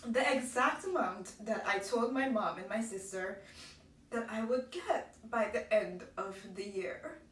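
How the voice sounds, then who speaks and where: A woman's voice: mid-range voice, lively intonation, unhurried, a bit bright. A woman happy crying as she gives a casual, earnest, encouraging personal testimony, tearful as she talks. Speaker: vlogger giving a personal testimony. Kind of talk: casual heartfelt testimony to camera. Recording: roomy echo, distant from mic.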